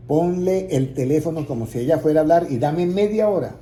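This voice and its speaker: Male preacher, storytelling testimony, somewhat high voice, roomy sound with faint ambience. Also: expressive, a little fast, dark tone, slight background noise. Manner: storytelling, acting out quoted voices, rising to emphatic peaks.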